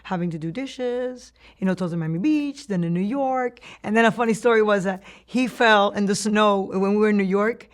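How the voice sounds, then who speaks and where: A woman born in Cuba, being interviewed for an oral history, reflects on earlier days in a medium-pitched voice at a moderate pace with hardly any pauses. She often restarts her sentences and laughs as she tells her story.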